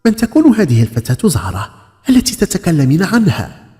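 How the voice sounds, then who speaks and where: A man's voice: fairly high pitch, wildly swooping pitch, fairly quick, warm tone, long reverb tail, soft background music, voice pushed up. Man doing a pleading, curious young boy. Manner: pleading, insistent questioning. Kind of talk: folk tale character acting.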